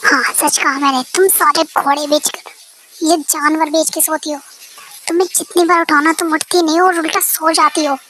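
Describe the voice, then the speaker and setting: A woman's voice: sits high, fairly even intonation, normal speed, noisy background, close to an everyday voice. A woman voicing a strict young male professor who scolds his wife, in an amateur fan dub. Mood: stern. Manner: stern, scolding.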